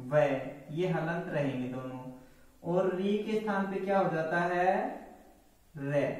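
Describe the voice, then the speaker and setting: A man's voice: a little high, darkish tone, recorded from a distance. A man teaching an online grammar class, explaining step by step and answering his own questions. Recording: echoey room, voice off-mic.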